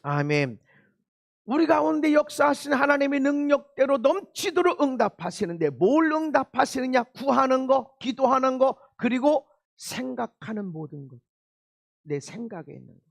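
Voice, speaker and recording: High-voiced gravelly male pastor preaching. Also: sing-song, moderate pace. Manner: shifts between preaching and shouted impersonations of complaining people. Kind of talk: sermon. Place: church sanctuary.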